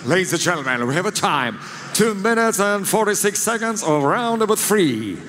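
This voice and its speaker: A male fight announcer delivers formal, drawn-out proclamations in a fighting game style. His voice sits high and has a bright, forceful edge. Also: big pitch swings. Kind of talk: live MMA result announcement.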